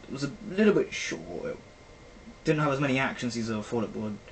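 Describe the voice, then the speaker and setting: With a medium-pitched, animated voice and a brisk pace, a young man from Britain chats loosely about movies as a vlogger, leaning heavily on fillers. Faint background noise runs under a poor-quality recording.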